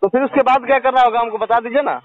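Speaking very fast in an extremely high pitch, a young adult man keeps a steady tone during a casual phone call. He wants to sell an old coin but sounds unsure and keeps asking questions, all captured as tinny, dry phone audio.

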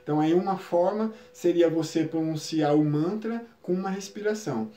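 A man guides listeners through a spiritual lesson in a calm, explanatory way, often checking in with short tag questions. His voice sits a little high but sounds mellow and soft-edged. The room around him is noticeably echoey. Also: moderate pace. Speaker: spiritual teacher. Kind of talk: live-stream spiritual lesson.

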